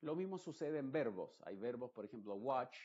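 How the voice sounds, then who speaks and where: A man, teaching English pronunciation in an explanatory lesson and repeating example words slowly and carefully. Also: mid-range voice, very animated, warm tone, husky. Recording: dull lo-fi recording.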